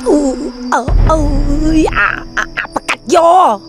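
A woman's voice: high-pitched, animated, slow. A distraught, sobbing woman. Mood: distressed. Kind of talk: film drama acting. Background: film score music.

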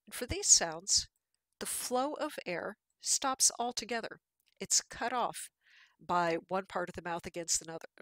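A woman's voice: lowish voice, fairly bright tone, no echo. A woman giving a patient, explanatory lecture with slides, with fillers and restarts.

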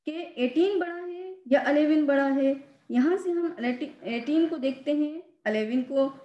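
A woman's voice: high voice, darkish tone, echoey room, lo-fi sound. A woman teacher explaining a children's math lesson patiently, repeating and stressing the key words.

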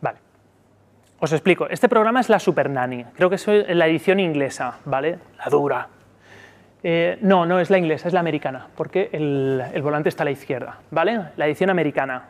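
Spanish man leading a workshop, high voice. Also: brisk, in a large hall. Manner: peppers sentences with "¿vale?"; acts out soothing talk to a child in a high voice. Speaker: psychologist giving a workshop. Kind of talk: live workshop talk. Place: conference room.

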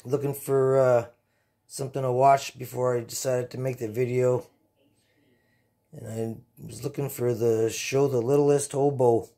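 Speaking at a measured pace in a flat, dark, medium-pitched voice with vocal fry, a man in his fifties hosts a home cooking vlog. He rambles casually to camera, giggly and tipsy, sweary and silly, repeating himself. A phone in the kitchen records him, handheld before being propped nearby.

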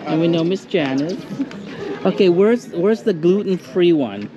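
A woman's voice: fairly low pitch, lively intonation, a little slow, dull audio, music in the background. A woman narrating a casual travel vlog, chatty and joking as she goes. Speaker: travel vlogger.

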